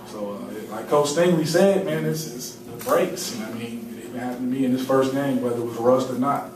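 A man's voice: medium pitch, a little fast, over music. A man answering at a postgame press conference, candid and self-critical, with many fillers. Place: large press room. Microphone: table mic, heard from a distance. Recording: roomy, distant, noisy press room audio.

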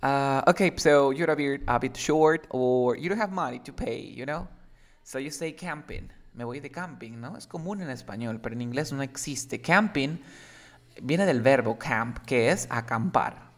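Guy teaching english in spanish, explains slow and acts out examples. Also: medium pitch. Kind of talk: bilingual English lesson.

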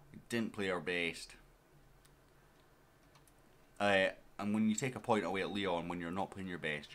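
A man with a low, deep voice commentates a management game in an easy let's-play style. He chats directly to his audience and to the players on screen in a relaxed, conversational way. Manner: chatty, talks straight to viewers and to his players. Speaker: gaming YouTuber.

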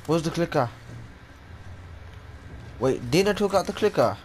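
A man doing casual gameplay commentary and reading in-game notes aloud, a little haltingly. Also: fairly high pitch, animated, a little mellow. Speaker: game streamer. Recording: clear game noise behind voice. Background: video game sounds and dialogue.

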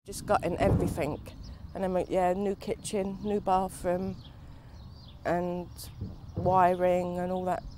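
A tenant with an English accent speaks casually in a flat, even tone. Her voice is slightly low, with faint ambient noise behind her. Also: slow pace. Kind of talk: documentary interview.

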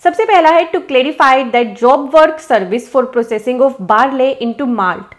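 A woman in her thirties with an Indian English accent, explaining tax rules. She reads English lines slowly and explains them quickly in Hinglish. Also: sits high. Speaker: tax educator. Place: small office with a plant.

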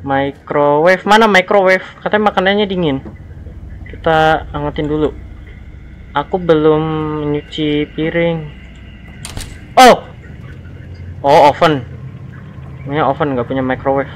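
A man's voice: on the high side, normal speed, long pauses, a little hiss or hum. A man giving nervous, jumpy commentary as he plays a horror game and reads the on-screen text aloud. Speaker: gaming channel host. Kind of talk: horror let's-play commentary.

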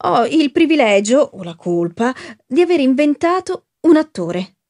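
A woman's voice: sits high, very animated, a little slow, a little mellow, full character voice. A woman reading as a self-assured acting coach. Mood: knowing. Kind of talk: audiobook reading.

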